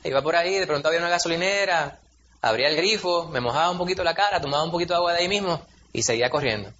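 A man's voice: a little high, rapid-fire, fairly bright tone, highs cut off. A man, preaching a sermon in a conversational, storytelling way, acting out quotes in a raised voice. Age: 40s.

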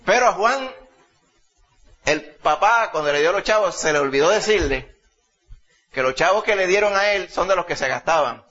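A man's voice: high-pitched, animated, normal speed, pauses often, bright, forceful tone. A man preaching a sermon in an emphatic way, often calling the listeners brother. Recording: dull lo-fi recording.

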